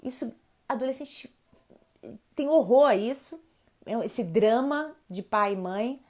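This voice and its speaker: A woman's voice: fairly high pitch, slow. A woman in her forties with a Brazilian accent, a mother hosting a live stream about teenagers and chatting casually with viewers, acting out quoted dialogue as she tells stories. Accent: Brazilian Portuguese. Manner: lively storyteller who acts out quoted dialogue.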